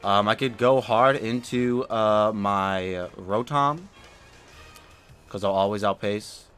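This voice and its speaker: A man giving casual, chatty commentary over his own Pokemon battle from a room at home, relaxed and drowsy after a nap, with lots of fillers and sudden loud excited outbursts. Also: on the low side, slow, clean tone, faint music behind.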